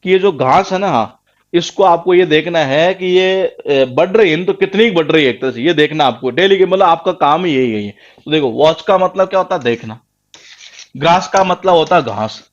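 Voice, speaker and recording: A man's voice: fairly high pitch, animated, moderate pace, lo-fi sound. Hindi-speaking male tutor quizzing himself. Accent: Rajasthani Hindi. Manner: rhetorical questions, answers them himself; repeats words for emphasis. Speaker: English teacher for exam prep. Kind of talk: classroom lecture.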